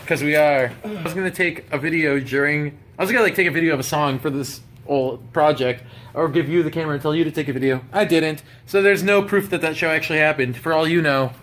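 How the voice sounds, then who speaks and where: A man's voice: on the high side, a bit bright, slight background noise. A young man, a rapper, talking casually and jokingly to the camera for his vlog. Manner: joking, self-mocking. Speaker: rapper and vlogger.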